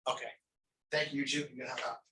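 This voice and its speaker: A man's voice: medium pitch, flat delivery, fast, bright, forceful tone. A man teaching a crisis intervention class in a conversational, rambling way with lots of fillers. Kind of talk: classroom lecture. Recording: echoey training room, distant mic, faint noise.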